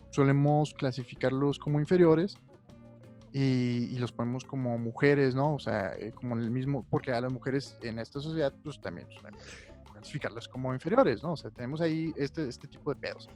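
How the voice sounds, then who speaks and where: Young Mexican man, animated slangy podcast talk. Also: mid-range voice, moderate pace. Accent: Mexican Spanish. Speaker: podcast co-host. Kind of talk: casual chat. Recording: faint music behind.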